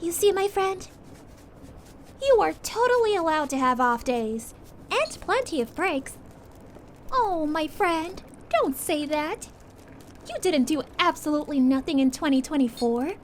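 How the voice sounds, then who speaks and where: A woman voicing a sweet, caring young princess in a calming roleplay, speaking to a friend in a gentle, reassuring, chatty way. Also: high voice, a little slow, a little hiss or hum. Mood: soothing, encouraging. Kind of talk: calming ASMR audio roleplay.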